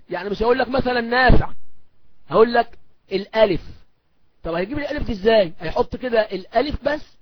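A man speaking with an Egyptian accent, teaching in a recorded course lecture. He explains step by step, poses questions and answers them himself, and slows right down to recite lines of verse. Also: very high voice, no room sound, highs cut off. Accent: Egyptian Arabic.

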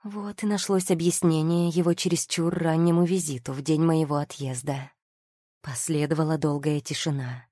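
A woman's voice: deep voice, fairly even intonation, moderate pace, mellow, no room sound, studio quality. A woman reading a romance novel aloud in the first person, with emotion. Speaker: audiobook narrator.

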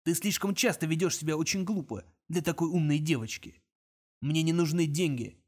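A man's voice: on the high side, normal speed, darkish tone, close to an everyday voice. A man voicing a cruel male thug who mocks and threatens in a cold, menacing way, in an audiobook reading. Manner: sneering, mocking threats. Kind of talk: audiobook character voice.

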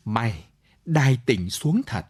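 Male narrator, unhurried late-night radio storytelling. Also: medium pitch, husky. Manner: slow, lively storytelling with voiced dialogue.

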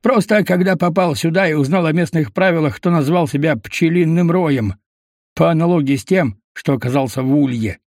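A cowardly, jittery scavenger, put on by a male audiobook reader, pleads and explains in a high, strained voice that keeps rising in fear. The sound is dry and close, with no room around it. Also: a little fast, darkish tone, dry recording, natural voice. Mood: nervous explaining.

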